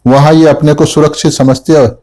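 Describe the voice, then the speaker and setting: A man's voice: fairly high pitch, little pitch movement, a little fast, mellow. A middle-aged man, a homeopathic doctor, narrating a patient case and voicing the mother's replies in first person.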